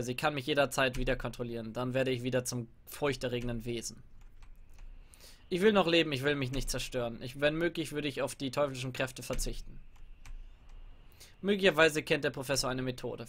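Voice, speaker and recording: A man's voice: medium pitch, a little fast, a bit bright, lightly acted. Man reading a grave, troubled sorceress. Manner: reading game subtitles aloud. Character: grave sorceress woman, fearful of her powers.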